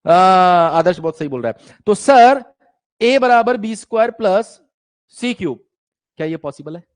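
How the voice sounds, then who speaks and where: Man, physics teacher, fairly high voice, chatty, teasing, acts out voices, live online class. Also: lively intonation, a little slow.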